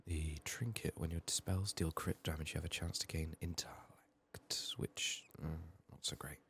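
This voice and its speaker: With a steady tone and a slightly slow pace, a soft-spoken gaming host with a very deep voice gives quiet ASMR commentary on a game. He mutters and thinks out loud, hushed and soft, at times sinking into a whisper.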